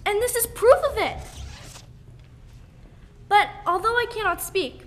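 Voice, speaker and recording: A woman's voice: very high voice, measured pace. A teenage girl playing an earnest, anxious woman doctor heroine in a school radio play, with dramatic, emphatic delivery. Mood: alarmed. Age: young teenager. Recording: faint background noise.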